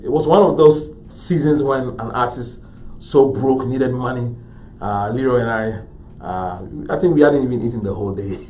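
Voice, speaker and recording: A middle-aged man from Ghana with a Ghanaian English accent, an artist telling anecdotes in an interview with animated delivery. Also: medium pitch, normal speed, a little hiss or hum. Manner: animated, acts out voices in his story. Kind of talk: anecdotal storytelling. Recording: roomy echo.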